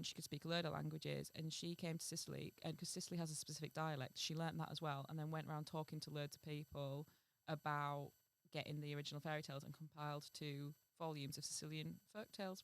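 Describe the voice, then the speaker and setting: A woman's voice: low-pitched, steady tone, a little fast, gravelly, hardly any pauses, fairly bright tone. A young woman co-hosting a podcast, chatting casually and reading a fairy tale aloud, giggly between passages. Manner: chatty, giggly, reads story passages in a steadier tone. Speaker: podcast co-host and storyteller.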